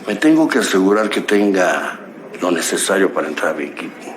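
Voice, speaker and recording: A man's voice: low-pitched, sing-song, a little fast, slight background noise, low-quality recording. An actor voicing a bossy, teasing male police chief in a cartoon, commanding and playful, with music behind him. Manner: commanding, playful, wordplay on a name. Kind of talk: cartoon voice acting.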